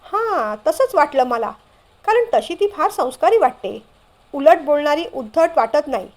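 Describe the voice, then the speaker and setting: A woman's voice: high voice, lively intonation, normal speed. A woman reading a curious, bashful groom-to-be.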